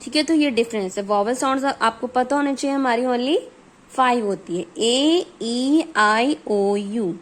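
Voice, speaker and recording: Woman teacher, unhurried, patient grammar explainer, slightly high pitch. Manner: explains patiently, reads example sentences slowly. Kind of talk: grammar lesson.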